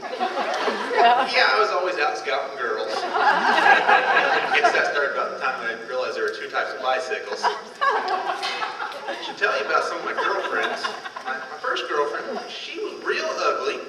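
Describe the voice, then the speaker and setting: A high-voiced amateur comedian performs a folksy, old-time stand-up monologue to a live audience in a large hall. He's heard from far off amid echo and a loud, noisy crowd, using a lively, swooping delivery and drawn-out setups while telling countrified stories in character.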